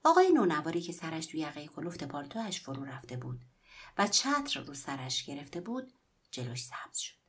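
A woman reading a literary story aloud in a hushed, whispery narrating voice. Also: low-pitched, very animated, slightly rough. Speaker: story reader.

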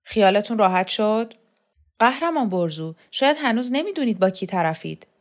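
A woman's voice: mid-range voice, expressive, close to an everyday voice. A woman reader voicing a commanding woman official who questions people in a cool, mocking way.

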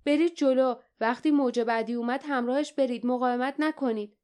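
Woman voicing a gruff warrior man shouting orders. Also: sits high, steady tone, voice pushed up, close to an everyday voice. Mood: urgent shouting. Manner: shouted urgent commands. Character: tough grown man, gruff warrior companion.

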